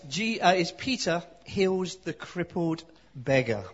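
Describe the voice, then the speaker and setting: A husky, slightly higher-pitched man preaching with a London accent, delivering a sermon in short bursts that leave room for interpretation. The recording is muffled and a little lo-fi, as if taken from a church sound system. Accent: London English. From London, England. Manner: lively, pauses for interpreter, speaks in short phrases. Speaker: visiting preacher.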